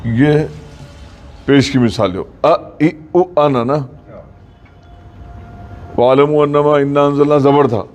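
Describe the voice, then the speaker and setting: A man's voice: mid-range voice, fairly even intonation, pauses often, a little mellow. A man teaching Quran recitation rules in a mosque class, explaining patiently and quizzing his students.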